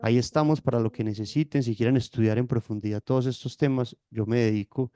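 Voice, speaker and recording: Warm-voiced man explaining yoga history. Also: mid-range voice, fairly even intonation, fast talker, no room sound, studio quality. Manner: lecturing, checks in with tag questions. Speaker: yoga teacher, guest. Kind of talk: explanatory interview talk.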